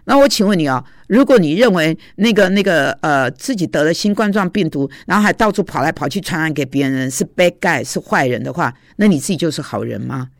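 Slightly high-voiced male preacher, dry sound. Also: expressive, fairly quick, vocal fry, few pauses, no echo. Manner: storytelling, confessional, many hesitations. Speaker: seminary teacher and preacher. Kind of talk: informal devotional talk.

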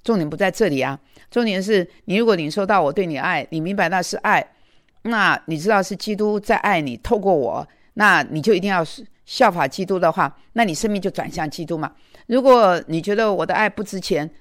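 A woman's voice: fairly low pitch, no room sound, clean studio sound. A woman in her sixties preaching in a conversational way, telling a personal story with many fillers and repeated words. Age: 60s. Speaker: lay preacher. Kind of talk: testimony sermon.

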